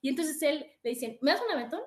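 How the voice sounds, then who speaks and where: With a high voice and quick pace, a woman with a Mexican accent hosts a casual podcast conversation. She keeps it lively, acting out people's words and tossing in tag questions often.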